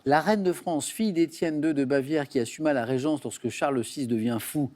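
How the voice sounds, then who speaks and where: A man hosting a television quiz show from a studio, reading out questions briskly and chatting with contestants. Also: on the high side, a little mellow. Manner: brisk, reads questions crisply.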